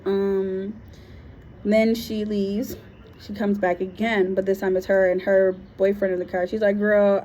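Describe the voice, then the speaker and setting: A woman's voice: mid-range voice, a little mellow. A woman from Liberia casually telling a personal story, frank and slangy, with plenty of fillers. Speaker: vlogger. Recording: dull lo-fi sound with faint noise.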